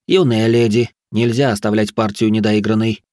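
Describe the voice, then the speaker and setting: Man doing a shrill, manic aristocrat barking orders. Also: a little fast, dry recording, studio quality, lightly acted. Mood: stern. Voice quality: shrill, squealing. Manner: barking orders, pompous, ranting. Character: shrill manic aristocratic male drill-sergeant cook. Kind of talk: audiobook character voice.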